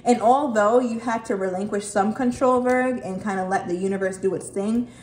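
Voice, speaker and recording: A woman talks through a tarot spread in a loose, emphatic way, swearing freely and dropping "okay" after nearly every point. Her voice sits at an ordinary middle pitch. The room gives it a noticeable echo, and there is a faint hiss underneath. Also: normal speed, darkish tone. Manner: chatty, emphatic, swears casually, repeats "okay". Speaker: tarot reader. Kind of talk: casual tarot reading to camera. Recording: echoey room, faint noise.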